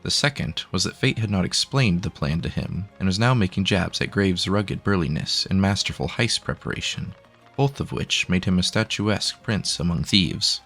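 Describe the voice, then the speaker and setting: A man calmly reading a story aloud with a dry, wry delivery. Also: sits low, moderate pace, faint music behind. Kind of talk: calm storybook narration.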